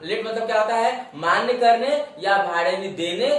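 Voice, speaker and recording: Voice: mid-range voice, a bit bright, distant mic. A teacher from India giving a spoken English pronunciation lesson, spelling each word out letter by letter. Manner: spells words letter by letter, slow and drawn out. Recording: roomy echo, voice off-mic.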